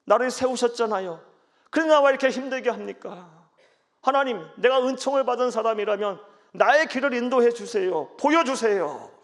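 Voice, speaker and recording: A man's voice: extremely high pitch, lively intonation, normal speed, pitched above the performer's own voice. A male pastor voicing Moses as a weary leader who pleads and complains to God. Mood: complaining.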